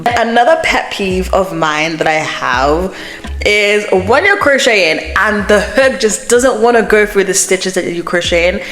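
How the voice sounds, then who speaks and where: A woman's voice: medium pitch, expressive, a little slow, a bit bright, soft background music. A woman crochet vlogger chatting casually, podcast style, filling her talk with "like," heard through a mic echo effect. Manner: chatty, fills speech with "like", reads from notes. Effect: echo effect from the microphone setting. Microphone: home microphone. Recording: echoey, reverb-heavy mic audio.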